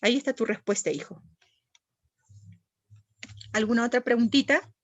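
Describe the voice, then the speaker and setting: A woman's voice: fairly high pitch, moderate pace, lo-fi sound. A woman teacher, giving a classroom lecture and patiently asking the class questions and answering them herself.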